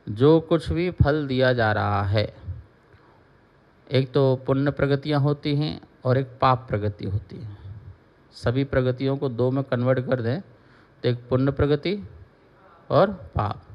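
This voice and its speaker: Slow, deliberate Jain monk teaching. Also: male voice, mid-range voice, dull audio. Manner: slow, deliberate, repeats terms and asks listeners questions. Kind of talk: scripture lesson, slow chanting of verses then explaining.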